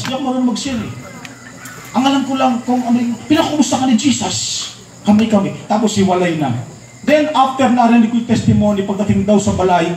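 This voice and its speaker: A Filipino man with a Filipino accent preaching a sermon at a youth camp, shouting and drawing out his words for emphasis. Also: very high-pitched, recorded from a distance, slight background noise. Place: large hall with a crowd. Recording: echoey hall, miked from afar.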